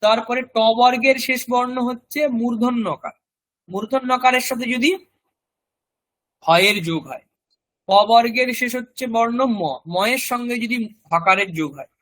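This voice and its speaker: A man, teaching a recorded language class. He explains step by step and repeats example words slowly so students can copy them. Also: very high-pitched, a bit bright.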